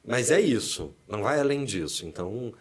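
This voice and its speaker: A man from Brazil with a Curitiba accent, a podcast guest chatting casually and telling lively stories, acting out what people say. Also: medium pitch, normal speed, slightly rough. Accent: Curitiba Brazilian Portuguese. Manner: animated storyteller, acts out quoted speech. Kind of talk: casual interview chat.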